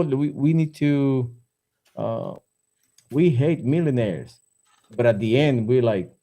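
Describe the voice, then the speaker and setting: A man's voice: lowish voice, mellow. A man co-hosting a casual political podcast, speaking emphatically and often repeating his words. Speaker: podcast co-host.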